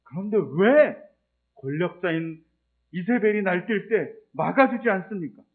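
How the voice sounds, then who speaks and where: A man's voice: high-pitched, lively intonation, unhurried. A man preaching voices a worn-out, indignant male prophet who demands answers from God, pleading and accusing, over a tinny phone-like line.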